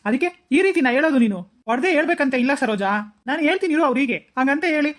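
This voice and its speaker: A woman voicing a middle-aged cartoon father who calmly lectures his wife and daughters. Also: sits high, racing. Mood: lecturing. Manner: lecturing, reasoning.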